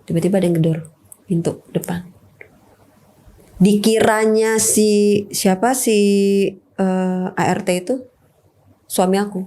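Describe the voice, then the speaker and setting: A woman tells her own ghost story as a guest in a relaxed chat. Her tone is mellow and warm, and her pitch sits in the middle. She acts out each scene and drops to a hushed whisper when she quotes others. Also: a little slow, long pauses. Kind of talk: casual spoken storytelling.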